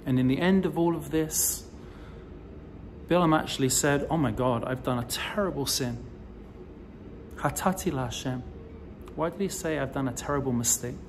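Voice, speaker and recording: In a mid-range voice, a forties-aged rabbi tells a story as part of a recorded sermon, slow and deliberate with emphatic rises. He films indoors in front of a decorative wall using a phone or camera held near his face, and there is slight background noise.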